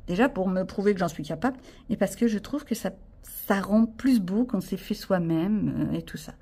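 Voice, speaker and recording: A woman's voice: mid-range voice, normal speed, dark tone, slightly rough. A woman with a French accent chatting casually to camera about her sticker and craft haul, self-mocking and full of fillers. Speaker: vlogger showing a craft haul.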